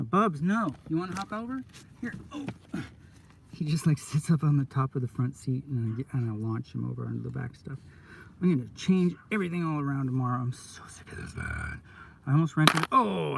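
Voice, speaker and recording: A man chatting casually on a live stream in his van, rambling and excitable, full of "dude" and "oh my God", sounding stoned. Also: fairly high pitch, vocal fry, far from the mic, slight background noise. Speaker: coin roll hunter streaming live.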